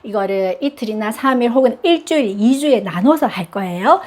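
A woman explaining children's English activities to parents in a chatty instructional style, switching into a high sing-song voice for the drills. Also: animated, fairly quick. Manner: chatty, gives advice to parents. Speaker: English teacher for young children.

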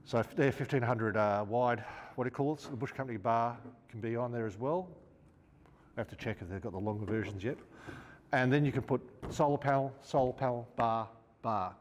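A man's voice: mid-range voice, brisk, slight background noise. Australian man, fifties, casual product demo, talks while working, reverberant showroom. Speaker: outdoor gear store presenter. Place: large indoor showroom.

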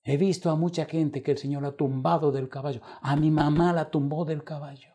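A man's voice: on the high side, fairly even intonation, fairly quick. A male pastor preaching a sermon, telling a story and acting out the voices of the people in it. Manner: dramatic, shifts between loud and hushed quoted voices. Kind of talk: sermon with acted-out anecdotes.

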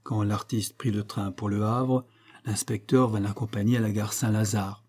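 A man narrating a detective story as an audiobook reader, measured and even. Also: fairly low pitch.

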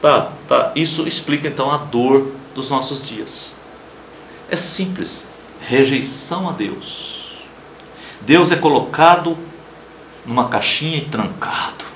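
A man preaching a televised sermon with a Brazilian accent, emphatic, swinging between loud declarations and soft murmurs and acting out the people he quotes. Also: medium pitch, slow, a little hiss or hum. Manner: acts out quoted people in raised voices. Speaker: pastor. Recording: roomy with faint ambience.

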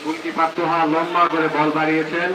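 A Bangladeshi man calls a local football match live, play by play. His voice sits a little high. It comes from a distance with a roomy echo and clear noise around it. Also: completely flat delivery, fast talker.

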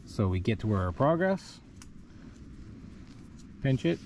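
A man with a mellow, dark voice walks through rope rigging one step at a time, in a plain and methodical manner. He is outdoors on a rocky riverbank, recorded by a camera on his body. A faint outdoor hiss sits behind him. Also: mid-range voice, big pitch swings, takes it slowly. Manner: plain, methodical, talks while rigging by hand. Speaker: kayak rescue instructor. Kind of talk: step-by-step instructional demo. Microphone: wearable camera on body.

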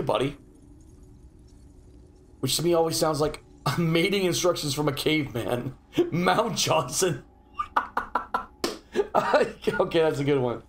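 A man streams a video game from home, reading in-game history and cracking sarcastic asides. His voice sits mid-range. A faint hum of noise sits behind him. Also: medium pitch. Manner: joking, sarcastic asides while reading lore. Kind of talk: casual gameplay commentary.

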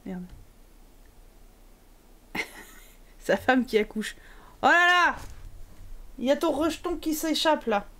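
High-voiced woman streaming a game. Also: expressive, slow pace, pauses often, fairly bright tone. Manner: crude, joking, talks to the game characters. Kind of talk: casual gameplay commentary.

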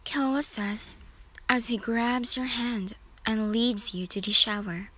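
A woman narrates a fanfic story in a whispered role-play. Her delivery is very slow and breathy-soft, addressing the listener directly. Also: fairly high pitch, fairly even intonation. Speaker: fanfic reader.

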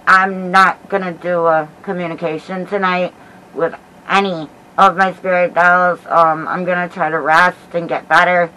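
A middle-aged American woman giving a casual vlog update in a hesitant, halting way while feeling sick with a headache. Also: fairly low pitch, fairly bright tone, poor audio. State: unwell with headache and nausea. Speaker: paranormal vlogger. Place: small dim bedroom, indoors. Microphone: camera mic at about arm's length, through a cloth face mask.

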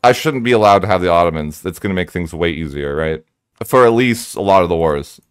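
A man's voice: deep voice, lively intonation, brisk, smooth, no echo. A man giving casual, rambling commentary while playing a strategy game, thinking aloud candidly into a close microphone.

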